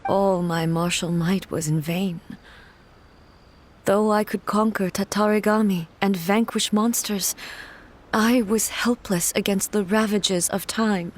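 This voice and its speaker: A woman voicing a stern, solemn god-ruler and warrior shogun who speaks in a measured, formal way. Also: medium pitch, fairly even intonation, slight background noise, close to an everyday voice.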